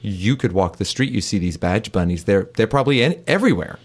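A man's voice: lowish voice, lively intonation, a little fast, slightly rough. A man who hosts a comedy podcast and works as a voice actor, asking questions in a playful, teasing, flirty way.

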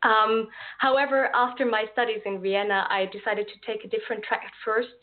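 Speaking as a guest in a casual call interview, this Austrian-accented young woman, who organizes events, comes across friendly and earnest, with some fillers and restarts. The voice is a little high, level in tone, and fairly quick, heard through a phone-like line.

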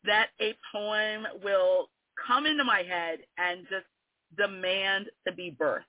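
Over a tinny phone line with no room sound, a Southern woman in her forties with a New Orleans touch talks slowly in a mid-range voice. She's a guest poet in a casual interview, open and quick to laugh.

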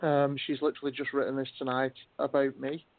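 A man calling in to a radio show over the phone, relaxed and chuckling as he chats with the host. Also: mid-range voice, brisk. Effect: tinny phone-line sound of a call-in caller. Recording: tinny phone line.

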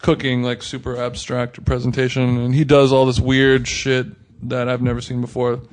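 A man's voice: mid-range voice, monotone, moderate pace. Rambling man in casual podcast chat. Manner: rambling, hedging with fillers. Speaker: podcast co-host.

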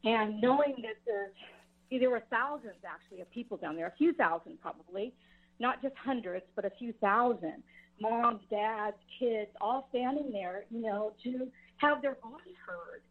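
A woman's voice: on the high side, normal speed. An older woman, a grandmother, calling in to a radio talk show over the phone, talking earnestly and rambling with frequent restarts. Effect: heard over the phone. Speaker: caller. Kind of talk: call-in radio chat. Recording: tinny phone line.

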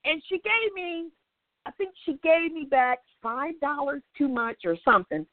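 An older woman leading an informal Bible study, a chatty, animated storyteller who acts out dialogue and keeps checking in with her listeners. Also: high-pitched, unhurried, no room sound. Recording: tinny phone-line audio, dry.

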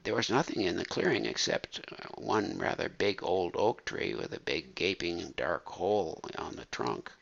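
A man telling a true story in an unhurried, animated, folksy way. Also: low-pitched, gravelly. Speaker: storyteller recounting a true case. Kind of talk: spoken storytelling. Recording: dull lo-fi recording.

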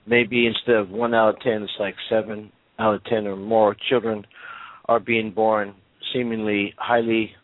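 A man hosting a radio show asks his questions in long, meandering, hesitant turns. His voice is on the low side. The sound is dry and thin, like a phone line. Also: flat delivery, moderate pace, no echo. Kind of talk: radio interview.

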